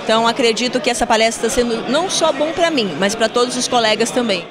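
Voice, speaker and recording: A woman councilor answering an interview in a council chamber, earnest and deliberate, into a held mic. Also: a little high, expressive. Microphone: handheld mic held by interviewer. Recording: crowd chatter behind.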